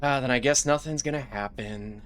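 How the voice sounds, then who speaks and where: Bright-voiced joking male streamer. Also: mid-range voice, moderate pace, clean tone. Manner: joking, playful banter. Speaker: streamer playing with friends. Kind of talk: casual gaming chat.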